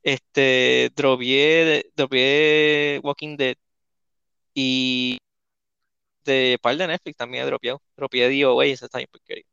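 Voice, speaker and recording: A man's voice: medium pitch, little pitch movement, unhurried, creaky, bright, forceful tone, clean tone, no echo, lo-fi sound. A young man, hosting a casual podcast chat, laughing and tossing in English words. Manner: laughing, mixes English words, acts out quotes. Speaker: podcast host.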